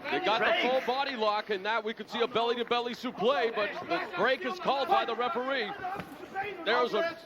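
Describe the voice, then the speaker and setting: Male play-by-play commentator, very high raised pitch, dramatic announcer phrasing, live fight call, loud crowd behind. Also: brisk. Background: roaring fight crowd.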